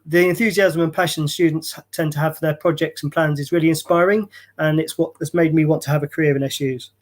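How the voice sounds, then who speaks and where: A man in his forties giving a casual self-introduction as a students' union activities coordinator, with many ums and uhs. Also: a little high. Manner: chatty, with frequent ums and uhs.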